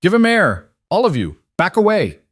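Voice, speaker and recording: A man's voice: lowish voice, very animated, measured pace, dark tone, dry recording. A man voicing a young duchess who pleads and gives urgent orders in a raised voice. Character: young duchess, frantic and commanding.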